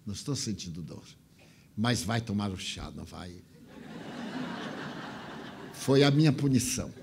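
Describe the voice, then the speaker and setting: A man's voice: fairly low pitch, warm tone, a little hiss or hum. Older man telling a moving story. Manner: emotional storytelling, mimics sounds and voices. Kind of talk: storytelling talk.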